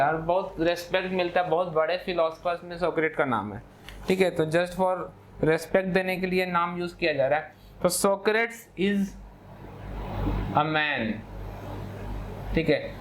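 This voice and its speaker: Explaining math patiently step by step, a male teacher keeps saying "ठीक है" to check in and slips English words in for key terms. His voice sits high and a bit bright, over slight background noise.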